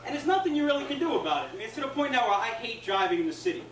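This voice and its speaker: Brash New stand-up man, high-pitched. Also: big pitch swings, racing, fairly bright tone, a little hiss or hum. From New York. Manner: brash, profane, punchy delivery. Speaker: stand-up comic. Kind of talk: stand-up comedy set. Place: comedy club stage. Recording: echoey club recorded from a distance. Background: audience laughing.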